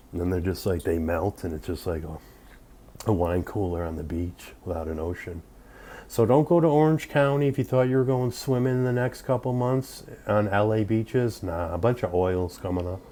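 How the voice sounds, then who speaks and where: A man in his fifties with a deep, dark voice chats loosely to a livestream. He sounds drunk, boasting and drifting from thought to thought. There is faint noise behind him. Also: moderate pace. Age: 50s. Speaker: livestream host. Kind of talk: rambling casual livestream chat.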